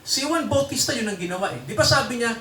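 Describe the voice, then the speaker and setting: A man's voice: very high-pitched, animated, quick pace, pushed and bright, distant mic, a little hiss or hum. A man preaching a sermon in a church hall and quizzing the congregation with repeated tag questions, then leading them in prayer. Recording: echoey room, voice from off-mic, faint ambience.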